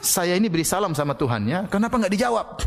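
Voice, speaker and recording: A commanding older sheikh, blunt and defiant, speaking in a raised voice, as a male preacher puts him on. His voice sits a little high and rings with long reverb, as in a large hall. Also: sing-song, quick pace, creaky, crowd noise, exaggerated voice.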